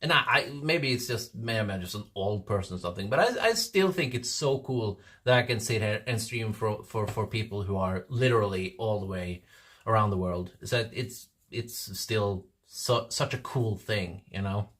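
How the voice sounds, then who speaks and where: This livestream host, a Norwegian man in his forties, has a fairly low, slightly bright voice and talks at a normal speed. His Norwegian accent comes through as he chats informally with viewers, wandering off topic, restarting and laughing a lot.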